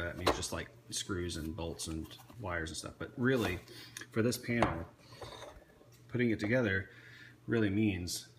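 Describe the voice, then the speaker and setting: A man casually showing off an electronics kit he built, talking off the cuff with frequent restarts and fillers. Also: fairly low pitch. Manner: rambling, many restarts and fillers. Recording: echoey room with faint ambient noise.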